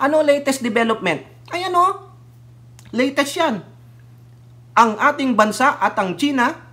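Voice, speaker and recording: A commentator from the Philippines tears into opponents in a heated political rant. The delivery is combative and mocking, built on rapid rhetorical questions and blunt swearing. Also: mid-range voice, fairly bright tone.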